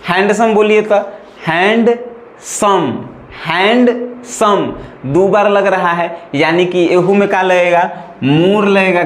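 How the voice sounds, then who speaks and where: Brief: male grammar teacher with a Bhojpuri accent, high voice, echoey room. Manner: repetitive, checks in with "right or not?". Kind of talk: classroom-style lesson.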